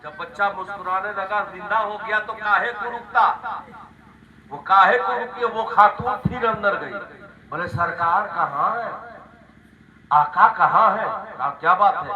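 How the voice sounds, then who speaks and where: A male preacher telling a religious story in a dramatic sermon, moving from soft narration to shouted climaxes. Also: high voice, measured pace. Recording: lo-fi PA recording with crowd. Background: large crowd.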